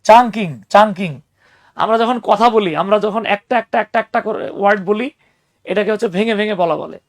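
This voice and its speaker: A young man teaching spoken English in an online class, lively and teasing, explaining patiently with examples. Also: high-pitched, quick pace, no echo.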